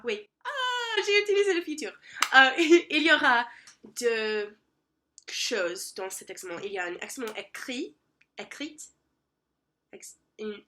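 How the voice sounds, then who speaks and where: A woman's voice: mid-range voice, sharp tone. A young American woman, a native English speaker, vlogging casually in a language she is learning, hesitant, with many fillers and self-corrections. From United States. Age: young adult. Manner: laughs at her own slips.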